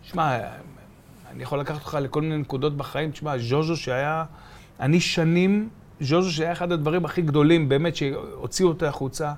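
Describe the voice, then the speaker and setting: A middle-aged man from Be'er Sheva, a comedian telling stories as a guest in a casual interview and acting out voices and sounds. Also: a little high. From Israel, from Be'er Sheva. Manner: animated, acts out voices and sounds.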